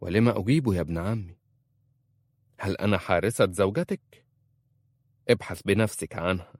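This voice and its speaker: A man voicing a proud, sharp-tongued young Bedouin woman who answers with bitter, cutting retorts in a storybook reading. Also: low voice, normal speed, no echo. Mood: cold.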